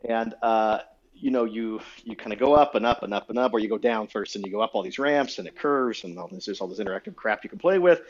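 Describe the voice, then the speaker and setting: A man's voice: fairly low pitch, fast. A man co-hosting a podcast, chatting casually with lots of laughter and fillers. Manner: lively, laughs often, many fillers. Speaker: podcast co-host. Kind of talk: casual chat. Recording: lo-fi dull sound.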